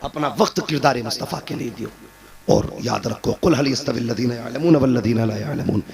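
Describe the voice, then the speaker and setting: A man preaching a sermon, rising to loud emphatic peaks and then dropping low. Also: normal speed, gravelly. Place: gathering with a live crowd. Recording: crowd responding audibly.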